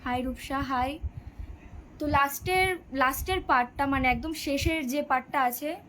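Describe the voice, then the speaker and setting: High-voiced teenage girl on a live stream. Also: normal speed, a bit bright, slight background noise, rough recording. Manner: chatty, reads out and answers viewer questions. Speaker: live streamer answering viewer comments. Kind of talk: casual live-stream chat.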